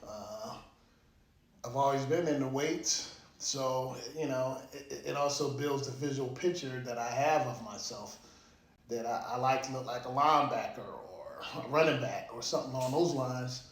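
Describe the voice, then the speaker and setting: A man talks casually and informally in a motivational monologue, like a fitness vlogger, with the occasional swear word. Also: mid-range voice. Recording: echoey room.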